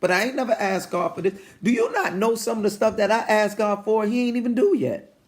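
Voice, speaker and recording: A man's voice: high-pitched, brisk. A man in his forties preaching a motivational sermon, congested and sniffling, calling out to his listeners and talking to God like a friend. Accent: New York. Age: 40s. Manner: animated, calls out to listeners, talks to God like a friend. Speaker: pastor. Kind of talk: live-streamed motivational sermon.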